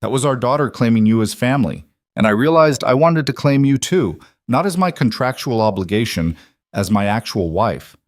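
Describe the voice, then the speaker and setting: A man voicing an earnest, devoted single father who speaks gently. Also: medium pitch, lively intonation, moderate pace, no echo, clean studio sound, close to an everyday voice.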